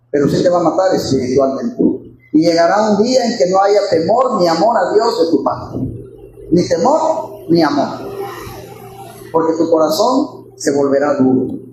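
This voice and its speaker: A man preaching a Sunday sermon, fervent and repeating his phrases, calling his listeners brothers. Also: high voice. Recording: very echoey hall, faint background noise.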